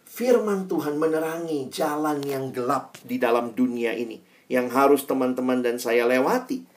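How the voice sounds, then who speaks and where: A man's voice: medium pitch, moderate pace. A young man giving a conversational sermon to students, shifting into acted quotes and sudden emphatic bursts. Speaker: youth preacher. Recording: roomy, distant from mic.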